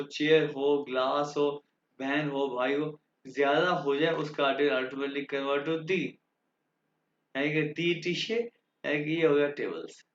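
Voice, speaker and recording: A man's voice: on the high side, slight background noise. A man teaching German grammar to a class, patient and repetitive, often checking that students understood. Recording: dull, roomy classroom recording.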